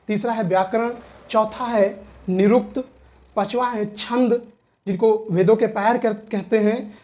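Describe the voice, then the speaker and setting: A woman with a slightly high, somewhat mellow voice and a north Indian Hindi accent gives an exam-prep history lecture. She asks questions and answers them herself, repeats key terms, and often checks in with "theek hai na".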